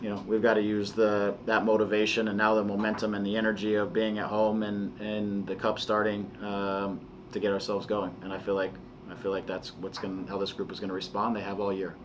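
Halting, low-voiced coach, flat delivery. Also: male voice, noisy background. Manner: measured, halting, many restarts and fillers. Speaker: soccer head coach. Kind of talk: post-match press conference. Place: press room before a sponsor backdrop.

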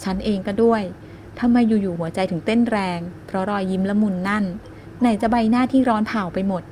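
A woman reading a first-person romance novel aloud in a gentle, even storytelling voice. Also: mid-range voice, a little fast, a little hiss or hum. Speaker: audiobook narrator.

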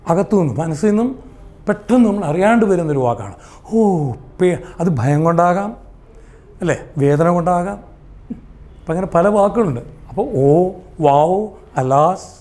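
A man with a high, darkish voice and a Malayali accent teaches English grammar in a lesson. He asks the class questions and then answers them himself.

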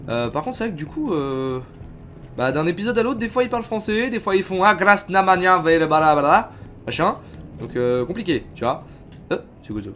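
Lively-voiced man streaming a game. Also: high voice, a little fast, a little hiss or hum. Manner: chatty, reacts loudly. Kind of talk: live gameplay commentary.

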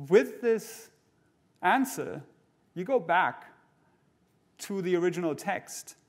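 A middle-aged man giving a keynote lecture on a large conference stage, explaining things in a measured way with fillers and restarts. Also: fairly high pitch. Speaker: keynote speaker.

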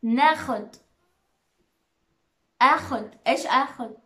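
A young adult woman chats casually in a guessing game, loudly repeating words back. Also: high-pitched, slow pace. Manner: loud, repeating words back while wearing headphones. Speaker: player in a word-guessing challenge. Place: small plain room indoors, seated in an armchair.

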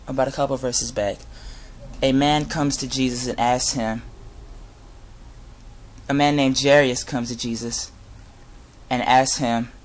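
A young adult man giving an informal sermon with Bible readings, speaking earnestly and a little haltingly. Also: mid-range voice. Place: inside a garage. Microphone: device camera at close range.

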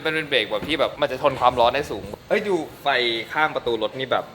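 A man's voice: mid-range voice, quick pace, fairly bright tone, a little hiss or hum. A man vlogging a casual car walkaround, chatty and joking, dropping English car terms into his talk.

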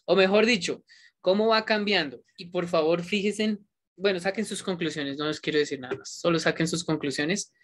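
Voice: medium pitch, moderate pace. An English teacher talking to a class online, mixing Spanish with English, coaxing and encouraging the students, and repeating words for emphasis.

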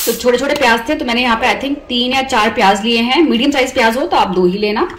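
Over clear sounds of sizzling in the kitchen, a woman in her thirties narrates her home cooking in a casual, chatty voice-over. She has an Indian accent, blends in English words, and speaks fast in a voice on the high side.

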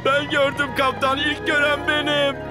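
An excitable young cartoon sailor, with a very high voice that stammers eagerly. Loud music plays behind him in the dubbed show. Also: male voice, normal speed. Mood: excited.

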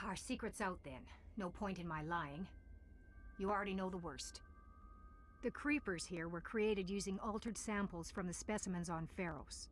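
A woman's voice: lowish voice, normal speed, slight background noise, natural voice. An actress voicing a weary female research scientist in a video game, trapped and anxious, speaking earnestly. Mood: resigned.

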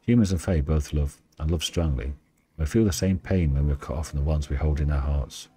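A man's voice: very deep voice, a little fast, dark tone. A man voicing a wistful, ancient female dryad from a video game, telling the story solemnly. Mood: sorrowful. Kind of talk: video game dialogue read aloud.

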